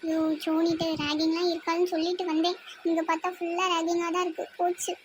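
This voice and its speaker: Woman voicing a scared first-year college girl, squeaky high, whiny worried talk. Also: monotone, fast talker, slight background noise. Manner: anxious, complaining. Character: timid young female college freshman.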